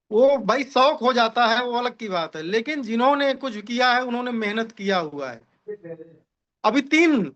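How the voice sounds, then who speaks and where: Man, very high voice, bright and sharp, persuasive pitch, video call audio, dull lo-fi sound. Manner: persuasive, repeats "ठीक है ना", addresses listeners as साथियों. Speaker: speaker at an online meeting. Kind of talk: motivational crypto pitch.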